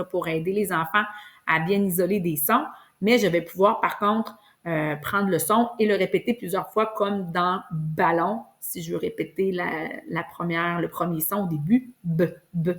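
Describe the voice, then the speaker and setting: A woman preschool teacher, patiently explaining to parents and stretching out sounds in words to demonstrate them. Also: fairly low pitch. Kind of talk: instructional video for parents.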